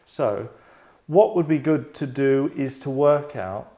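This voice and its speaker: Speaking slowly in a warm, medium-pitched voice, a man hosts and directs a table read for actors in London. He addresses the group casually, in a rambling style that's both sardonic and mock-dramatic.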